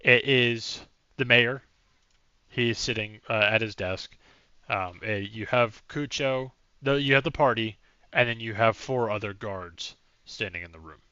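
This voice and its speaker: A man's voice: on the low side, unhurried, bright, forceful tone, clean tone, no echo, lo-fi sound. A man narrating a tabletop game as game master, in a casual, rambling way.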